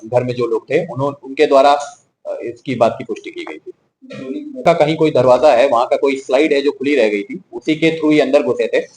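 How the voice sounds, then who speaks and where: A man speaking as a police officer at a press briefing, formal and measured, pausing often with "uh". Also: medium pitch, a little mellow, slight background noise, poor audio. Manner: formal, measured, with frequent "uh" pauses.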